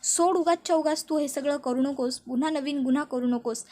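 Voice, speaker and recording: A woman's voice: high-pitched, a little fast, dark tone, natural voice. A woman voicing a man pleading urgently. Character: man pleading and warning a captor.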